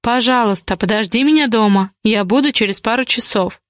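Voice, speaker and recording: A woman reading the lines of a defiant young woman, an indignant ward who argues with rapid questions. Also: on the high side, no echo, clean studio sound, close to an everyday voice. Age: young adult.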